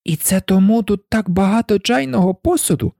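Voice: medium pitch, brisk, creaky, warm tone, no room sound, studio quality, voice pushed up, lightly acted. A reader voicing a curious, polite young girl in a storybook, asking questions in an inquisitive manner. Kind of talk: storybook reading.

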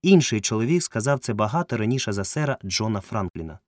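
Voicing a genial ship captain with dry, wry humour, a man speaks fast in a lowish, lightly acted voice. His tone is calm, amused, and joking, and the recording is close and dry with no room sound.

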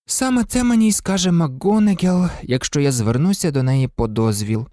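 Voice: mid-range voice, moderate pace, dark tone, no echo, studio quality, pitched above the performer's own voice, natural voice. An audiobook reader voicing a glum, resigned teenage boy who talks in a sighing, downcast way. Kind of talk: audiobook character reading.

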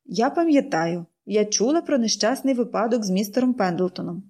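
A woman's voice: medium pitch, lively intonation, moderate pace, dark tone, close to an everyday voice. A woman reading an audiobook, voicing a cold, stern middle-aged aunt who speaks curtly. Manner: cold, curt. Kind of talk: audiobook character voice.

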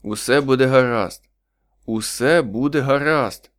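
A man's voice: medium pitch, unhurried, smooth, lightly acted. A man reading an audiobook, voicing a desperate poor husband, tense and pleading.

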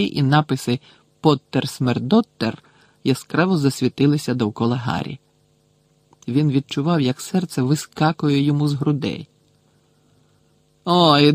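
A man's voice: mid-range voice, darkish tone, dry recording. Man narrating an audiobook, dry sound. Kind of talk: scripted narration of a novel.

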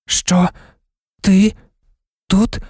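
A man's voice: high voice, level tone, extremely slow, darkish tone, husky, no echo, clean studio sound, voice pushed up, full character voice. A man voicing a terse, caring woman with clipped, choppy speech in a storybook reading. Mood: urgent.

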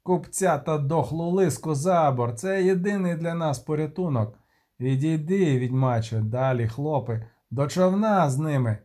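A man doing a gruff mutinous sailor. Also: on the high side, measured pace, dark tone, natural voice. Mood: urgent. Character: rough male sailor, mutinous and menacing.

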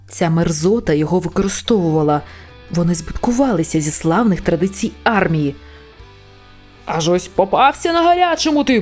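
A woman narrating an audiobook in a lively, wry storytelling manner. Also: lowish voice. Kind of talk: scripted narration.

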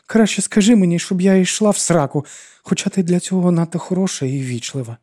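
A man's voice: medium pitch, expressive, brisk, warm tone, breathy edge. A man voicing an anxious young woman confessing in tears in an audiobook. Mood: pleading. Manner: pleading, self-pitying and tearful.

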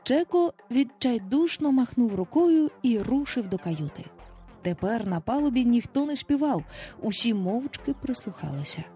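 A woman narrating a children's adventure story in a dramatic, expressive manner. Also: a little high, normal speed, soft background music.

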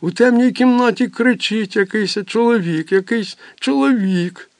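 A man reading a story aloud and voicing a frightened, feverish little boy with shrill, panicky cries. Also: measured pace, no echo. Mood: panicked. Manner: shrill, panicky crying outbursts.

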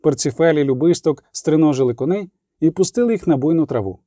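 A man narrating an audiobook with measured storytelling and a lively, shifting pitch. His tone is mellow and the recording is dry and close. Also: no echo.

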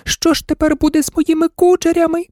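Reader putting on a fussy little doll lady, way high and whiny. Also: flat delivery, brisk, darkish tone, dry recording, studio quality. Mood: fretful. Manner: wailing, fretful. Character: fussy vain female toy doll.

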